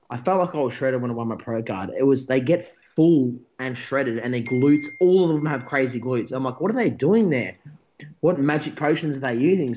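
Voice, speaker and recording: A man in his thirties with an Australian accent rambles through his stories in an easygoing interview, often repeating and restarting himself. His voice sits at a middle pitch. The recording is a little dull and lo-fi. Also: a little mellow. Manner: rambling storyteller, restarts a lot. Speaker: interview guest, pro bodybuilder. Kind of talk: casual chat. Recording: dull, lo-fi sound.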